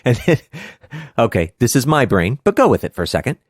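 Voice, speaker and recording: A man co-hosting a casual Bible study podcast, animated and quick to laugh, with hammy outbursts. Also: medium pitch, no echo, clean studio sound. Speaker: podcast co-host teaching scripture.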